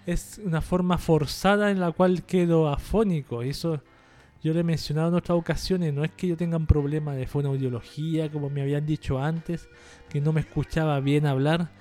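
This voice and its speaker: Rambling and self-mocking, this podcast host jokes through a casual monologue in a slightly high, mellow voice. He's attempting a lighter, less strained sound than he used earlier.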